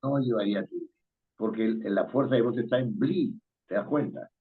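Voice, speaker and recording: A man with a lowish voice talks a little fast while leading a spelling lesson online. The video call audio is tinny and phone-like, and his manner is patient and questioning, broken by occasional chuckles.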